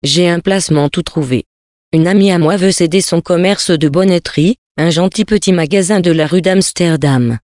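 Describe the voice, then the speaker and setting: A reader voicing a practical young woman who lays out her conditions calmly and matter-of-factly, in a storybook reading. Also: mid-range voice, moderate pace, no room sound, studio quality, close to an everyday voice. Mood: businesslike. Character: practical young Parisian woman, cool and businesslike.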